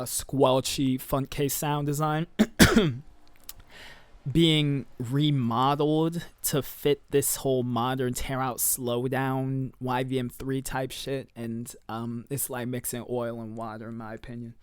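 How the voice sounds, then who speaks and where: Young man, casual music review, slangy and laid-back, middle pitch, dry close sound. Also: level tone, takes it slowly, clean tone, no room sound.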